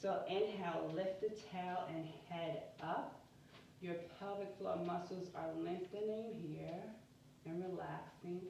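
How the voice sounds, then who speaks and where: Careful, unhurried woman instructor in echoey room. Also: fairly low pitch, steady tone, gravelly, a little mellow. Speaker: yoga and pelvic floor exercise instructor. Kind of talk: guided exercise instruction. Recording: very echoey room, distant mic, muffled, faint noise.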